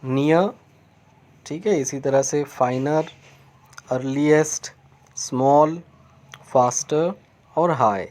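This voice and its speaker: A man's voice: fairly high pitch, takes it slowly, pauses often, a little mellow. A male school teacher with an Indian English accent, explaining grammar patiently and repeating key words. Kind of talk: recorded grammar lesson over slides.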